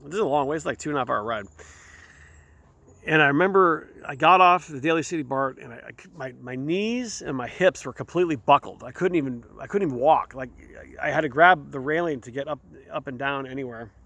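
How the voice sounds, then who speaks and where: Gravelly man telling a raw story. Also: fairly high pitch, bright, forceful tone. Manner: rambling, halting, repeats words. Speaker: show host. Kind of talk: candid personal storytelling.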